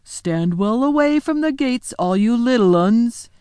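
A woman voicing a huge, good-natured male giant who talks slowly in a polite rustic dialect. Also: a little high, lively intonation, mellow, clean tone, dry recording, studio quality, pitched above the performer's own voice. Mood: deferential. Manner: slow, rustic dialect, deferential.

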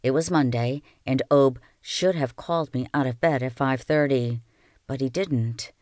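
A reader narrating a novel aloud in a calm, even storytelling manner. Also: medium pitch, measured pace, dry recording, clean studio sound. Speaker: audiobook reader.

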